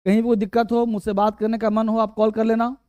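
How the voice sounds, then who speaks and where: A man teaching an English grammar lesson, talking slowly, repeating key words and quizzing his students. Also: high voice, level tone, darkish tone, clean tone, no echo.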